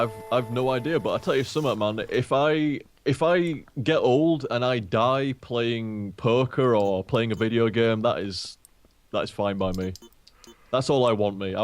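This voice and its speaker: A man in his late twenties chatting and laughing easily with a fellow streamer on a live stream. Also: medium pitch. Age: 20s. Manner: laughing, chatty, quick banter. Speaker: gaming streamer. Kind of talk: casual chat on a live stream.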